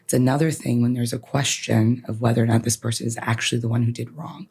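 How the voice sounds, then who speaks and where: An extremely low, fast female voice, gravelly, husky and a little mellow, with fairly even intonation. The woman, an attorney who grew up in Canada with Farsi as her first language, speaks as a podcast guest in personal reflection, earnestly and emphatically, often ending points with "right?"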